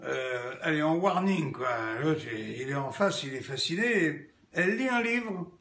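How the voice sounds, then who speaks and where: Man, joke teller, casual, chatty, high voice, unhurried. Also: lively intonation, a bit bright. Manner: casual, addresses the listener with "tu vois". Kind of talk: telling jokes.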